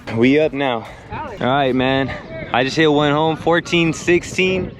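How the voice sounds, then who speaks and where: Unhurried and fairly even in intonation, this young car vlogger has a fairly high voice, with a crowd audible behind him. He chats with viewers in a laid-back, slangy way from his car and at a ballfield outside, amid loud road and outdoor noise.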